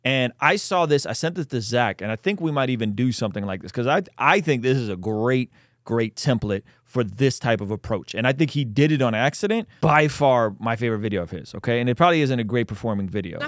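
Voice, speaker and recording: A man's voice: medium pitch, animated, quick pace, no room sound, studio quality. A man giving casual, emphatic reaction commentary as a host, often repeating himself for stress. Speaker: host commenting on a video clip.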